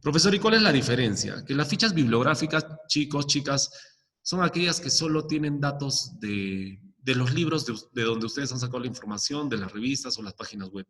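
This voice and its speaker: A man's voice: medium pitch, moderate pace, a bit bright, in a large hall. A male teacher giving a recorded lesson, explaining step by step and often checking with the class. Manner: explains with many rhetorical questions and "¿ya?" checks.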